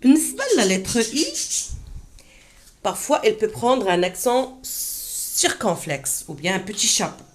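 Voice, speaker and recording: A woman teaching French pronunciation to children, repeating each word slowly and clearly. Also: medium pitch, big pitch swings. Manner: slow, deliberate repetition of words for learners; switches to quick Moroccan Arabic asides.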